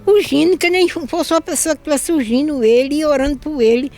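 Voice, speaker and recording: Older woman with a gravelly voice, testifying. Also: high-pitched, a little fast, warm tone, faint music behind. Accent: Northeastern Brazilian. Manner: emotional, repeats herself, quotes others in her story. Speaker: mother giving a testimony. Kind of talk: religious testimony, storytelling.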